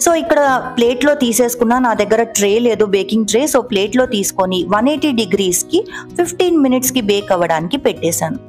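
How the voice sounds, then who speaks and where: A woman's voice: on the high side, lively intonation, brisk, darkish tone, soft background music. A woman in her thirties or forties narrating her cooking vlog in a chatty, explanatory way, explaining each step as she goes. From Telugu-speaking India. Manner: chatty, explanatory, mixing English words into Telugu. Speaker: cooking vlogger. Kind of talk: voice-over narration of a cooking video.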